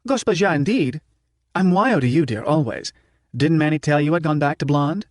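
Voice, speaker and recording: A man performs an audiobook character voice as a lively, teasing woman, pitching it somewhat high and above his own natural voice, though still close to everyday speech. He speaks at normal speed, and the recording is clean studio sound with no echo.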